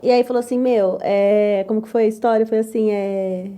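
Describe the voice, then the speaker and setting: A young woman chef telling her story in an interview, lively and loud, acting out the voices of others. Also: medium pitch, moderate pace. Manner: lively, acts out quoted voices, repeats "tal, tal"; says she talks loud and gruff. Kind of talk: animated personal storytelling.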